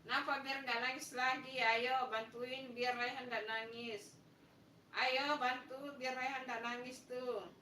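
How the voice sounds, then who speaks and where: A woman's voice: high-pitched, level tone, slow pace, pushed and bright, slight background noise. A woman hosting a casual live stream, teasing viewers with mock sympathy and coaxing them to like, with a Makassar Indonesian lilt. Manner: playful, coaxing viewers to like and subscribe. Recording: echoey room, voice a bit far from the mic.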